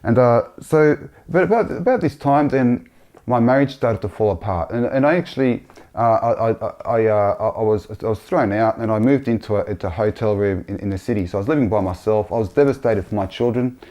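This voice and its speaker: A man sharing a personal religious testimony in a halting, earnest way, often repeating himself. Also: fairly low pitch, mellow.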